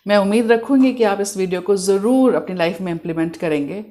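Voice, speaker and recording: A woman with an Indian accent giving spiritual guidance, mixing Hindi and English, dropping to a slow soft hush for repeated prayer phrases. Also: medium pitch. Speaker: spiritual healer.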